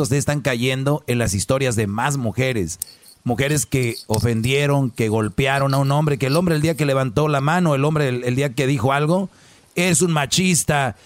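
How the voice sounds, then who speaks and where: A man's voice: mid-range voice, dry recording. Ranting male podcast host. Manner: ranting, preachy. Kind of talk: casual podcast commentary.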